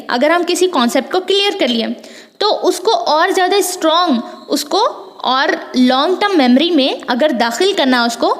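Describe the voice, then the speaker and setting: A woman teacher going through exam questions, explaining each term in Urdu and English with many repetitions. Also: sits high. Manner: explains terms by repeating them in Urdu and English. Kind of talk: exam question walkthrough lesson. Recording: long hall reverb.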